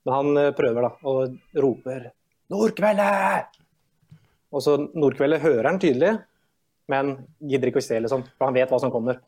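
A man who used to play football, telling a story on a podcast in an easygoing way. His voice sits at an ordinary middle pitch for a man. He pauses on filler sounds as he builds toward the punchline. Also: steady tone, dark tone. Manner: easygoing anecdote telling with laughs. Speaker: former footballer, podcast regular.

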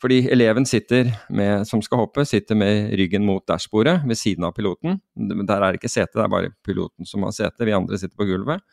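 Man, from Norway, gravelly, low voice, dry studio sound, animated anecdote. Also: few pauses, dry recording. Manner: animated, many restarts and fillers. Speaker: podcast guest telling a skydiving story. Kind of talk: casual storytelling.

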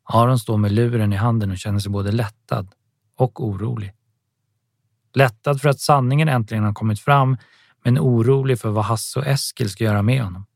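A man narrating an audiobook in a calm, even storytelling manner. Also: mid-range voice, creaky, dry recording, clean studio sound.

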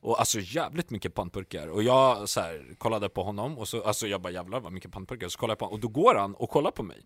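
A young man hosting a podcast, telling a story in a lively, swearing, laughing way. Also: fairly low pitch, husky, no room sound, studio quality. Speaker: podcast host. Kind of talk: casual podcast chat.

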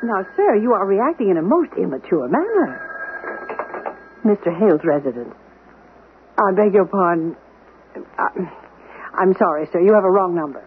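A woman's voice: mid-range voice, very animated, moderate pace, pauses often, natural voice. A woman playing a formal, composed household servant who lectures her employer in a 1970s radio drama. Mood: prim. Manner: formal, unflappable, gently reproving. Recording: tinny old radio broadcast, faint hiss.

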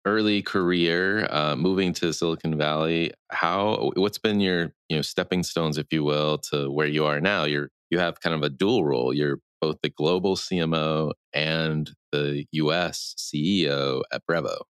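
Very deep-voiced man hosting. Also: normal speed, few pauses, a bit bright, smooth, dry recording, clean studio sound. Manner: affirming, asks questions with hesitant restarts. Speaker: podcast host. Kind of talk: conversational interview.

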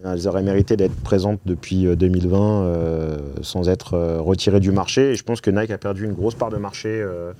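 A low-voiced man speaks as a panelist in a relaxed group chat. He sets out his views slowly, pausing often and filling gaps with hesitant sounds. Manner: measured, hesitant with many fillers.

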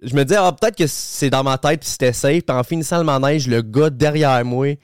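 Slightly hoarse Québécois man telling stories. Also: mid-range voice, fairly quick, dry recording, studio quality. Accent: Québécois French. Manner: animated anecdote telling, laughs often. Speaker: guest. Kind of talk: casual podcast chat, storytelling. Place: basement podcast room.

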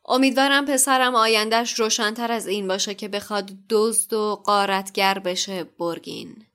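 A man's voice: very high voice, lively intonation, bright, forceful tone, pitched above the performer's own voice, heavily acted. A woman voicing a cold, disdainful aristocratic father with a curt, dry manner.

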